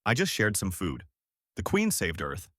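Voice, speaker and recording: A man's voice: low-pitched, huge pitch swings, a little slow, a bit bright, no room sound, clean studio sound, pitched below the performer's own voice, full character voice. A man playing a humble modest janitor. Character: humble middle-aged male janitor, modest and quiet.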